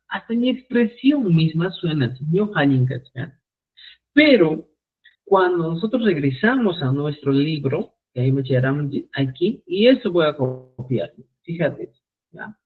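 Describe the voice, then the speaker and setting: A man teaching a live online Quechua class, repeating phrases slowly for students. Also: a little high, breathy edge. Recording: phone-like narrow sound.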